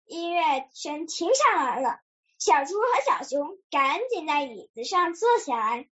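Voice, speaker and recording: Slow, lively woman reading a children's story. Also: sits high, muffled recording.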